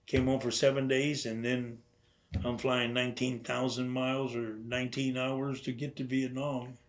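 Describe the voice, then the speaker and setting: An older man recounts his memories in an oral history interview, speaking in a conversational storytelling way. He stumbles and restarts often and slips into the voices of people he quotes. His pitch sits in an ordinary middle range. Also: little pitch movement. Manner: storytelling, acts out quoted dialogue, halting restarts. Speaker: interviewee, veteran.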